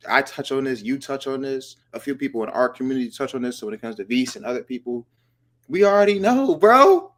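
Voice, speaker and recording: A man hosting a relaxed podcast conversation, his voice sitting at an ordinary middle pitch. He talks in a slangy, animated way, jumping up in energy and now and then dropping to a hushed whisper for effect. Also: fast, few pauses. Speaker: podcast host. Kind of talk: casual podcast chat.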